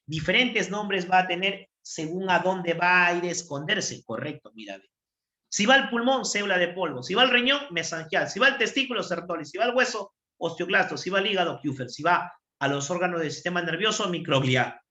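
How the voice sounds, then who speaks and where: A man teaching anatomy in an online class, animated and storytelling, often asking if everyone follows. His voice is a little high and bright, with a roomy echo. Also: a little fast. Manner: animated, checks understanding.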